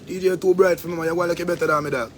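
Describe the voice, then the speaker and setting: A Jamaican man on a live stream, ranting loosely in a noticeably high voice. He talks in a rambling way and swears freely, with lots of animation. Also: steady tone, rapid-fire, noisy background. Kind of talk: casual live-stream rant.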